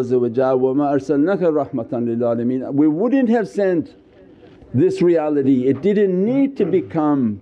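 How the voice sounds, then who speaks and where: An older religious teacher with a slightly high voice gives a spiritual lecture, and the recording has its highs cut off. He sits on an ornate couch before curtains indoors, gesturing emphatically as he speaks into a small mic on a stand in front of him.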